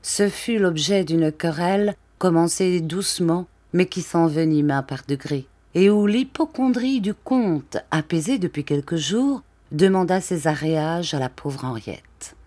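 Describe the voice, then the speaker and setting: Woman narrator, lowish voice, expressive audiobook reading of a classic novel. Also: unhurried, hardly any pauses.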